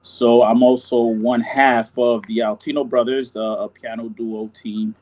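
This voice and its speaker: A man from Haiti, a church music director, introducing himself on a live-stream panel in a soft, hesitant way with many fillers. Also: medium pitch, level tone, a little slow, poor audio.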